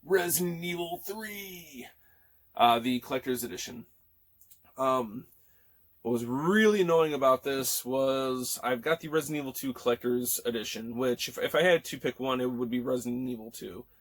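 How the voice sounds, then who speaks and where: A man in his thirties talks in a loose, rambling way, full of ums, restarts and casual swearing. His voice is still cracking after an illness. He sits at a middle pitch for a man. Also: normal speed. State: voice cracking after being sick. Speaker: gaming vlogger. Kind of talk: casual chat.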